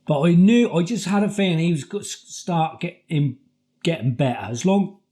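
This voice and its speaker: Casting: middle-aged British male vlogger, soft-edged mellow tone, chatty and colloquial, circles back over his points. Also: a little high, lively intonation. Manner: halting, repetitive, colloquial. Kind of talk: casual rambling personal storytelling.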